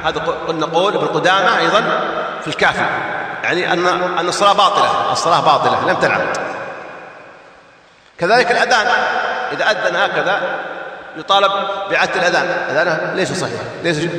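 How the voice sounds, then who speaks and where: A man's voice: a little high, fast talker, pauses often, pushed and bright. A man teaching a religious jurisprudence lesson as a sheikh, explaining patiently and demonstrating chanted phrases. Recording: echoey hall, voice from far off.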